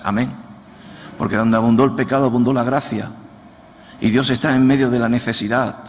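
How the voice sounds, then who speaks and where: Andalusian pastor preaching in a reverberant hall. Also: male voice, mid-range voice. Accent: Andalusian Spanish. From Andalusia, Spain. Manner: halting, repeats words while searching; asks the congregation for response. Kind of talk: sermon. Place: church hall. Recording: church hall with long reverb, faint noise.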